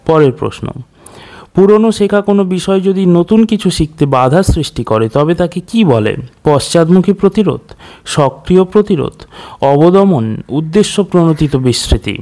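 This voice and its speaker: A man's voice: on the high side, dark tone. A man leading an exam quiz lesson, reading questions and options, then explaining the answers, with English terms mixed in. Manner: mixes in English terms, clears throat now and then. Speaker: exam prep teacher.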